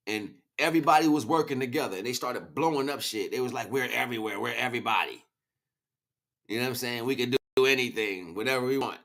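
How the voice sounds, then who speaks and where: This livestream host has a mid-range, fairly bright voice. He's casual and impassioned, rambling in slangy, preachy fashion while answering his viewers.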